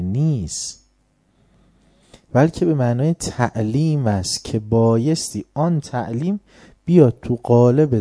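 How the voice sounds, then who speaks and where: A man's voice: mid-range voice, dark tone, no room sound, studio quality. A man giving an informal religious lecture in colloquial speech, teaching by asking rhetorical questions and answering them himself.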